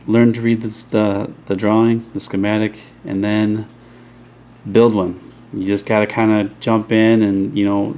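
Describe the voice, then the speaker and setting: A man with a lowish voice and darkish tone talks casually from behind the camera at an indoor workbench, explaining how he built a speaker crossover. It's an off-the-cuff tutorial full of rambling, ums and restarts, picked up by the camera mic.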